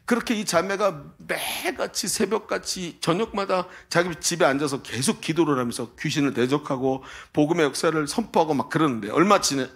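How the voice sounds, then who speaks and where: A male pastor preaching a sermon at a church service, telling a story in an animated, emphatic way. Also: high voice.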